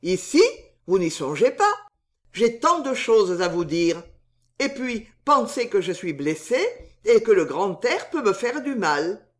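Lady doing a smooth-talking young poet guy, big flowery speeches, storybook style. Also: mid-range voice, sing-song, unhurried. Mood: gallant. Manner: grand, pleading declarations.

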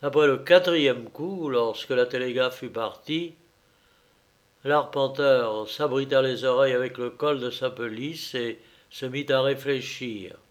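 A man narrating a classic story aloud in a measured, deliberate reading. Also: mid-range voice.

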